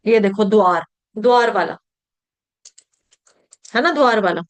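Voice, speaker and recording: A middle-aged woman teaching Sanskrit verse recitation in an online class. She chants the verse in slow, drawn-out syllables, then explains pronunciation in quick conversational asides over a video call. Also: medium pitch.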